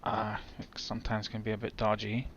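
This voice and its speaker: A man's voice: lowish voice, monotone, a little fast, muffled recording, background noise. A man giving casual, chatty commentary as he sets up a flight in a simulator, thinking aloud as he goes. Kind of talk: casual commentary while gaming.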